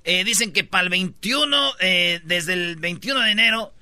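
A man's voice: sits high, moderate pace, sharp tone. A man with a Mexican Spanish accent hosting a radio show, telling rambling, slangy jokes in comedic banter. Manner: rambling slangy joking storyteller.

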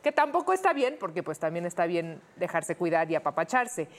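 A woman's voice: on the low side, big pitch swings, a little fast. A woman co-hosting a podcast, talking candidly and reflectively in casual chat. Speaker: podcast co-host.

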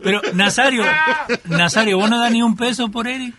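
A man, co-hosting with playful, quick questions. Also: extremely high pitch, pushed and bright, dry recording.

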